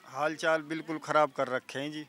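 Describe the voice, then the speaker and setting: Articulate villager man, fairly high. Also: little pitch movement, sharp tone. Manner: articulate, measured complaint. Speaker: villager interviewee. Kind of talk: interview answers. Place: outdoors in a village.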